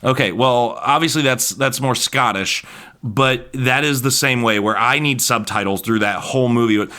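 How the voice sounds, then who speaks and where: A man's voice: medium pitch, moderate pace, pushed and bright. A man from Ohio co-hosting a podcast, chatting casually in a jokey, self-deprecating, rambling way. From Cincinnati, Ohio. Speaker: podcast co-host, musician. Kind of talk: casual chat.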